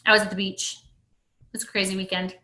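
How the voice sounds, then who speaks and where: A woman's voice: medium pitch, flat delivery, fast, bright, forceful tone, roomy sound, rough recording. A woman leading a casual team call, chatty and trailing off at the ends of phrases. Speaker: team leader hosting a call.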